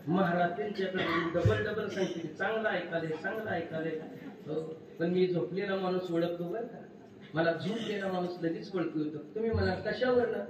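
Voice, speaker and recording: A man with a rural Marathi accent preaching a kirtan sermon, telling humorous stories and breaking into sudden loud exclamations. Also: high voice, normal speed, a crowd in the background. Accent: Marathi rural Maharashtra. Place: large pavilion at a kirtan gathering. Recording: far-off echoey hall mic, slightly dull, noisy.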